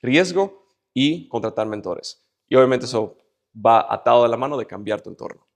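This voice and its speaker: This Dominican man has a gravelly, expressive voice of medium pitch and talks at a moderate pace. Appearing as an interview guest, he speaks with a Dominican Spanish accent and a forceful, motivating delivery, stacking up lists and posing rhetorical questions to make his case.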